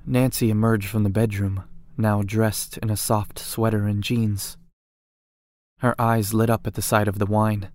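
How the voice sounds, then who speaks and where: A man giving a measured first-person scripted horror narration. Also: on the low side, flat delivery, a little mellow.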